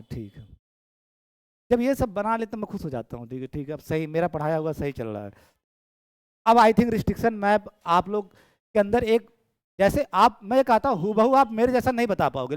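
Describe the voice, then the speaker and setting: एक पुरुष गणित शिक्षक कक्षा में पढ़ा रहे हैं, बातें दोहराते हुए और छात्रों की कॉपियाँ जाँचते हुए।. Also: male voice, high-pitched, smooth, dry recording. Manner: chatty, repeats phrases, checks students' work aloud. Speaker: maths teacher. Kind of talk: classroom lecture. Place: classroom. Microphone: camera in room.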